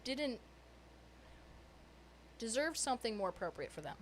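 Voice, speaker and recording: A woman's voice: fairly high pitch, big pitch swings, unhurried, slight background noise. A woman talking casually and reflectively, repeating phrases to stress her points. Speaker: podcast participant. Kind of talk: casual personal podcast conversation.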